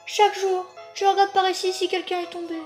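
A man voicing a gentle, motherly guardian woman in a soft, soothing tone. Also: very high voice, flat delivery, fairly quick, faint music behind, voice pushed up.

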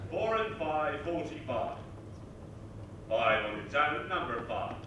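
A man working as a bingo caller, announcing numbers in measured set phrases over a hall microphone. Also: a little high, very animated, over a noisy crowd. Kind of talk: bingo calling, numbers read out digit by digit. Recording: echoey hall PA, distant and noisy.

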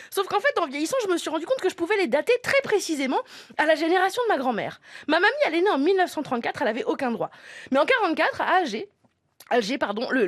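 A woman performing a comic radio column with lively storytelling and bursts of laughter, in a radio studio. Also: high voice, no echo.

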